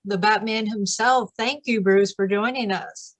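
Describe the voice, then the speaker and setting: A woman's voice: medium pitch, steady tone, unhurried, no echo. A woman hosting an interview, asking short, encouraging questions. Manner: brief, encouraging prompts. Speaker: interviewer, host.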